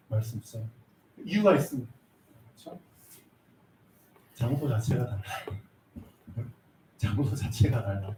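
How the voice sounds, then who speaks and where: A man's voice: mid-range voice, warm tone, roomy sound, distant mic, a little hiss or hum, rough recording. A male pastor preaching a sermon, often asking his listeners rhetorical questions and stopping for their agreement.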